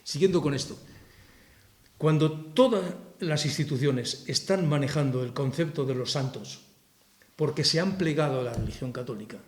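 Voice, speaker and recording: A man with a Castilian Spanish accent presenting his book to an audience in a hall, talking in a forthright, sarcastic and impassioned way. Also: medium pitch. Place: cultural society hall with audience. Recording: roomy hall echo.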